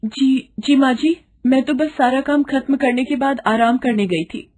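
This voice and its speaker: A scared young bride, voiced by a woman narrator, speaking in a raised, husky voice. She pleads and stammers meekly, always close to tears. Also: on the high side, a little slow, voice pushed up. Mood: timid. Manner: timid, pleading, tearful. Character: meek, frightened young daughter-in-law.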